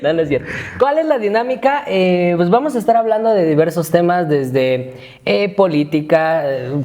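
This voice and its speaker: His voice sits a little high with a dark tone: a thirtysomething podcast co-host with a Mexican accent, chatty and joking, who reads his own essay aloud during the casual conversation.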